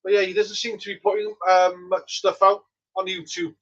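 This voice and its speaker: This Welshman, a native Welsh speaker from Wales, keeps things relaxed and chatty while streaming his homebrew brewday live from his home brewery and responding to viewers. His voice sits high at normal speed, with the highs cut off.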